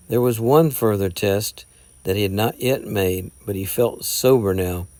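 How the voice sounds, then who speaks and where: A man's voice: fairly low pitch, a little mellow, no echo. Man narrating a story, dry close sound. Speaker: audiobook narrator.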